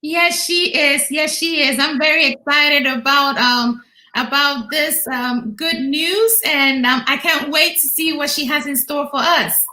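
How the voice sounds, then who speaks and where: A woman hosting a casual interview over a video call, her voice slightly hoarse. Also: high voice, steady tone, a little slow, bright, forceful tone, echoey room, poor audio. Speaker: talk show host. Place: indoors on an online call.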